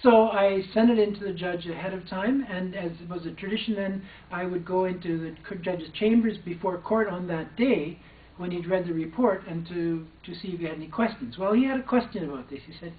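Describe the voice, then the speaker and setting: His voice sits high and runs a little fast as this older man, formerly a probation officer, tells a story of his own with halting delivery and frequent restarts. It sounds distant, echoey, and phone-like.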